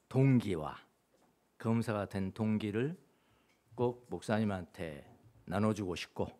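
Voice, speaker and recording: A middle-aged man, a pastor, preaching a sermon in church and telling a story, moving between loud and hushed tones. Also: on the low side. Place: church sanctuary.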